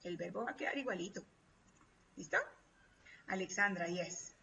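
A woman with a lowish voice and some vocal fry lectures an English class at a moderate pace, explaining patiently, repeating examples and regularly checking comprehension. The lo-fi recording sounds distant and dull.

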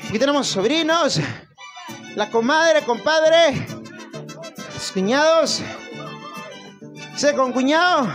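A man's voice: extremely high pitch, lively intonation, takes it slowly, pauses often. A man, a mariachi singer, hosting a live birthday serenade in a playful, teasing showman manner. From Peru. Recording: loud live mariachi music behind.

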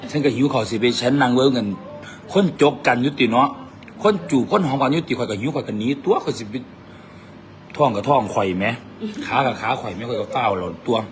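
A man with an Isan Thai accent hosts a vlog, trading boisterous, teasing banter in a cafe. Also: medium pitch. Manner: teasing, boisterous, mixes in dialect. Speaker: vlog host. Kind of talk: casual joking banter. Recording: noisy cafe ambience.

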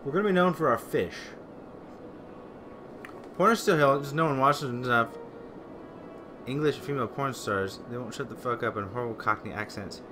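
A man's voice: mid-range voice, moderate pace, pauses often, over music. A man streaming a city-building game, chatting casually, rambling, swearing and answering his chat.

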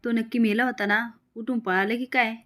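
A woman's voice: a little high, steady tone, a little fast, a bit bright, natural voice. Give me a panicked village man talking to himself, as a woman narrator reads him. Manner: nervous muttering to himself.

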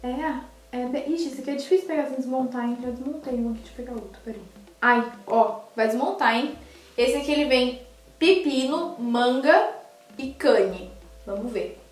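A young Brazilian woman tastes food on camera for a casual vlog, gushing animatedly and speaking straight to her viewers. She sits by a sofa in a small indoor room. Her high-pitched voice moves at a moderate pace, and the room sounds echoey.

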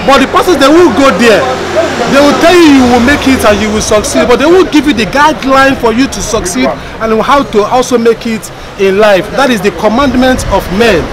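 A man's voice: very high voice, fairly quick, rough recording. A Ghanaian man in his thirties, interviewed on a city street, talks in a preachy way and quotes scripture. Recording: street crowd noise.

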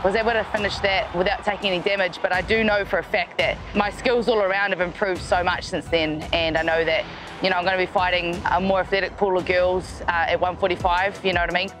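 A woman's voice: fairly low pitch, steady tone, quick pace, music in the background. A woman in her twenties with a New Zealand accent, talking casually and cheerfully in a documentary interview about her fighting career. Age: 20s. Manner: casual, upbeat, laughs easily. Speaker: MMA fighter.

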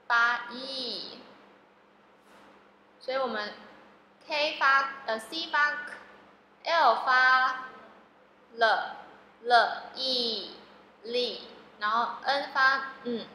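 Phonics teacher, woman, slightly high, bright voice; slow, repeats each word; echoey room. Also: a little hiss or hum. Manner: slow, drawn-out sounding of words, repeating each one. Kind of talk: classroom phonics lesson. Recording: echoey room with long reverb.

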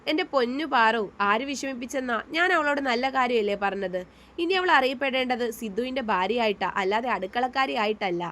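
A woman's voice: a little high, a little fast, fairly bright tone, slight background noise, lightly acted. Woman doing a curt, bossy young groom. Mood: teasing. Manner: curt, scolding. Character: stern, short-tempered young man, bossy groom.

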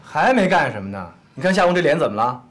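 A man's voice: fairly high pitch, big pitch swings. An actor playing a bossy, teasing young man with a Beijing accent who needles his friend. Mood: stern. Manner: brash, needling, quick-talking. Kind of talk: TV drama acting.

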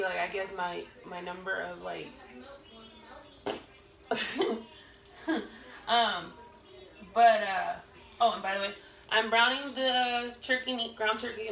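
A cooking vlogger in her thirties chats casually while cooking in her home kitchen, rambling through a story with lots of fillers and restarts. Her medium-pitched voice is gravelly and fairly bright, a little slow, with frequent pauses. A camera set across the room picks her up in the roomy indoor kitchen, with pans clattering.

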